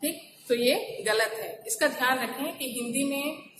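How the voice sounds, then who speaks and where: A woman's voice: high voice, unhurried, a bit bright, distant mic, a little hiss or hum. A woman teaching a Hindi pronunciation lesson. She explains step by step and often asks a question, then answers it herself. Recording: echoey room, voice from off-mic.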